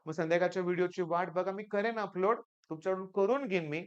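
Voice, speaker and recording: A man's voice: high voice, steady tone, fast, clean tone, muffled recording. Tired Marathi man in his forties. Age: 40s. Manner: earnest, reassuring, repeats "okay?" often. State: tired, voice weaker than usual. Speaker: teacher. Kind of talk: motivational talk to students.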